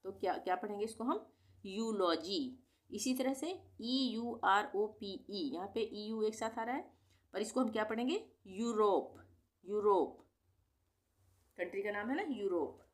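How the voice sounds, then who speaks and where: A woman's voice: medium pitch, animated. Patient woman teaching spelling rules. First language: Hindi. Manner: patient, repeats each example word slowly. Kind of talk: explaining English spelling rules.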